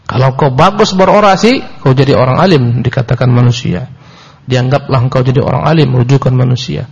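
A man's voice: a little fast, breathy edge. A male preacher giving a sermon-style book lecture, reciting Arabic and explaining it in Indonesian, emphatic and repetitive, rising sharply for emphasis. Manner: emphatic, rises sharply in pitch for emphasis, repeats phrases. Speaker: Islamic preacher. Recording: dull lo-fi lecture recording.

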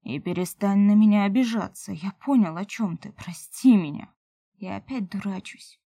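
A woman reading an audiobook voices a young male elf lover who pleads softly and earnestly. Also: mid-range voice, normal speed, gravelly, no room sound. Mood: pleading.

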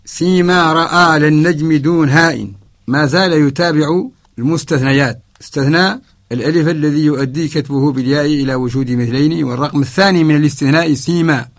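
A man teaching Quran spelling rules in a radio lesson, slow and deliberate, repeating each example word and reciting verses in a chanting cadence. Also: a little high, fairly even intonation. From Mauritania. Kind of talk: radio lesson, explaining a didactic poem. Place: radio studio.

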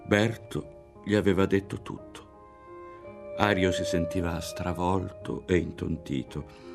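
A man's voice: deep voice, takes it slowly, vocal fry, music in the background. A man with an Italian accent, an audiobook reader, giving a theatrical literary reading. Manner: theatrical, dramatic, varied delivery.

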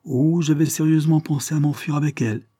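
A cheerful young nobleman, voiced by a man in an audiobook. His voice rises above the reader's usual register but keeps a dark, husky tone. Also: a little high, fairly even intonation, fairly quick, pitched above the performer's own voice. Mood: buoyant. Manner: buoyant, warm-hearted.

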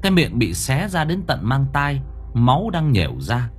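A man narrating a spooky audiobook story in an expressive, vivid way. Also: medium pitch, normal speed, husky, soft background music. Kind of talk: dramatic horror story narration.

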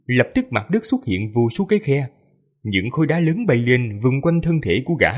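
Lively, slightly husky male narrator. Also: medium pitch, normal speed. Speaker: audiobook narrator. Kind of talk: storytelling narration.

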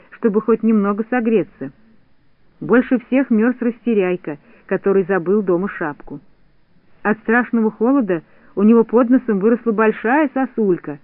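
High-pitched guy reading a kids storybook, tinny phone-ish sound, no room echo. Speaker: audiobook narrator. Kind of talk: children's storybook narration.

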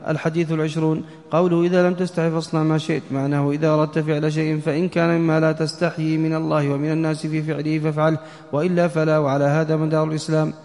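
Guy rattling through a text really fast, flat half-chanted reading, big echoey mosque hall. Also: on the high side. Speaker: student reading the text aloud. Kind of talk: rapid recitation of a text.

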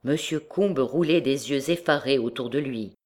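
A woman narrating a classic novel as an audiobook, with measured, expressive storytelling. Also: extremely low pitch.

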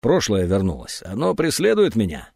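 A man voicing a calm, cunning man posing as a psychiatric patient in an audiobook. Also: fairly low pitch, moderate pace, vocal fry, husky, dry recording, clean studio sound, heavily acted. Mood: plaintive. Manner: calm, unruffled.

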